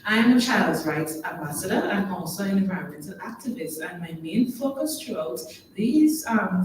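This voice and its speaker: A woman's voice: fairly low pitch, darkish tone, slight background noise. A woman from Guyana, an activist, introducing herself earnestly to a panel. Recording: echoey room from far off.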